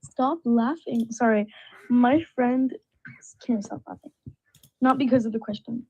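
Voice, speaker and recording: A woman's voice: on the high side, a little slow, a little mellow. A woman calling into an online debate, flustered and apologetic, distracted by a friend beside her. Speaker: debate caller. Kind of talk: casual online chat. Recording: dull lo-fi mic.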